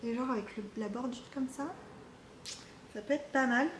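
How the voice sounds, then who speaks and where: A woman's voice: high voice, moderate pace, echoey room, a little hiss or hum. A woman vlogging casually about her knitting projects, chatty and full of fillers and restarts. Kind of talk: casual chat to camera. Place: home craft workshop. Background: jackhammer from far off.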